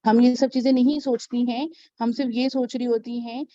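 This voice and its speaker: A woman's voice: fairly high pitch, flat delivery, moderate pace, warm tone, dry recording. A woman mentoring on network marketing in a casual advice vlog, telling stories in a chatty way, checking in with her listener and acting out the people she talks about. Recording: dull, lo-fi sound.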